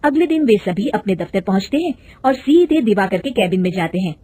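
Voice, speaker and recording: A woman narrating a cartoon story in a plain, steady storytelling manner. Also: mid-range voice, a little fast, no room sound.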